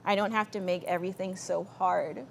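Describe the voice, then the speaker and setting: A young adult woman from the Bahamas, telling a personal story in a lively, chatty way, often laughing and acting out what people said. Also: on the low side, normal speed, creaky, slight background noise. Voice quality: animated, laughs often, quotes people in voices.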